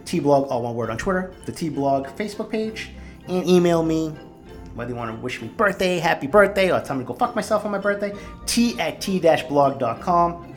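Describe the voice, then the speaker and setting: A man's voice: a little high, expressive, fairly quick, soft background music. A man in his forties from Boston, hosting a solo podcast in a candid, reflective and profane way. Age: 40s. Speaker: podcast host.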